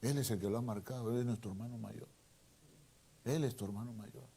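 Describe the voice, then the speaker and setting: Man, preacher, sermon, mid pitch, emphatic, repetitive, hushed asides, slow dramatic scripture reading. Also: steady tone, vocal fry, husky. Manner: emphatic and repetitive, swinging from hushed asides to loud stressed lines; reads the Bible aloud slowly and dramatically.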